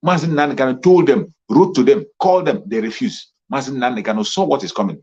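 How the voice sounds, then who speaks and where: A fervent man speaks in a husky, slightly rough voice at a middling pitch, pressing his points again and again like a rallying commentator. The sound is muffled and lo-fi, with the top end dulled. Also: darkish tone. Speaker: political commentator. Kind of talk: impassioned political monologue. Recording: muffled lo-fi recording.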